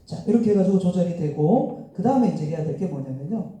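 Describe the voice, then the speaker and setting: A man's voice: high voice, expressive, quick pace, mellow, a little hiss or hum. A man teaching church sound, explaining mixer settings step by step and counting into a handheld mic in a large hall. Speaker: audio lecturer. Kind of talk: live hands-on sound workshop. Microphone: handheld microphone through a PA. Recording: roomy distant hall recording.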